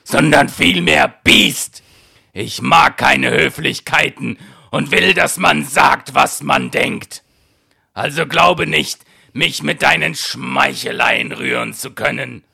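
A man's voice: mid-range voice, expressive, takes it slowly, vocal fry, sharp tone, slightly rough, pitched above the performer's own voice, heavily acted. A man voicing a stern, imperious monstrous beast in a storybook, with a thunderous, snorting voice. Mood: indignant. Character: furious monstrous Beast, commanding and menacing.

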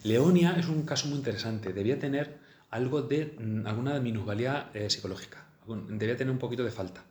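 Male storyteller; mid-pitch, casual asides, roomy echo on the recording. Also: fast, darkish tone, a little hiss or hum. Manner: chatty, many fillers and restarts. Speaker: speaker on a saint's life. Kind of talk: storytelling talk mixing reading and comment.

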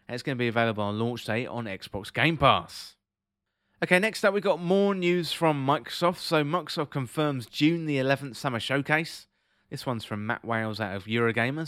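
A man's voice: medium pitch, fairly bright tone, no echo. Man hosting a podcast, very dry sound. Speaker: host of a video game podcast. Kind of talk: scripted commentary and news reading.

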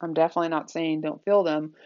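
A woman's voice: low-pitched, steady tone, fast, muffled recording. A woman speaking candidly in a reflective personal talk, conversational and full of fillers.

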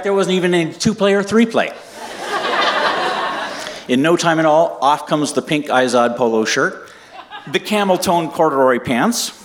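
A man in his fifties telling a comic personal story on stage to a live audience, animated and self-deprecating. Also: medium pitch, slight background noise. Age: 50s.

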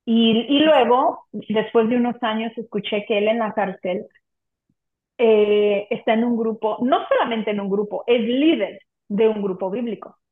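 A woman's voice: a little high, a little slow. A woman guest giving an earnest, emotional personal testimony of faith in an interview. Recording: echoey room on a tinny phone-like line.

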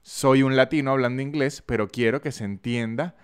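Clear and resonant in a mid-range voice, a man from San Cristóbal with a Venezuelan Andean accent delivers a solo podcast monologue at a moderate pace. He's chatty and self-mocking, addressing listeners directly between read sponsor ads.

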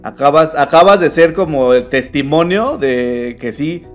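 A man's voice: on the high side, animated, unhurried, soft background music. A man with a Mexican accent, chatting casually and summing up a friend's story with slang. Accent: Mexican Spanish. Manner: reacts with slang, sums up the story. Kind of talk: casual chat.

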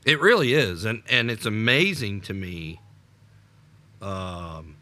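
Low, forceful American man podcasting. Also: expressive, slow. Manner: rambling with frequent repeated starts, laughs. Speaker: podcast co-host. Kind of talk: unscripted political chat.

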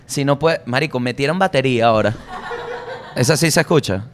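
A man with a Venezuelan accent hosting a comedy podcast, telling stories in slangy, animated chat, swearing freely and throwing in jokey asides. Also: medium pitch, brisk. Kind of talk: casual comic monologue.

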